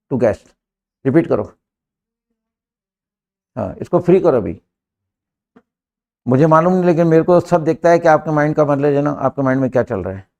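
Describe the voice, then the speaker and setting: A middle-aged man teaching English to a live class, drilling students with brisk commands. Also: fairly high pitch, gravelly, a little mellow.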